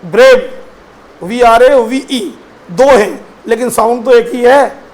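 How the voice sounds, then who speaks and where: High-voiced male teacher, slow and coaxing. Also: rough recording. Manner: addresses students as children, asks them questions. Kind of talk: classroom lesson on English grammar.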